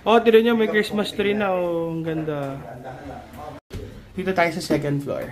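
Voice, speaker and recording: Lady vlogging on her phone at a beach resort, slow easy talk, chatty, keeps going wow and nice. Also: lowish voice, fairly even intonation, a crowd in the background. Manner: chatty, exclaiming tour guide. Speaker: family vlogger. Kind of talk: casual walk-through vlog. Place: beach resort house, indoors and out.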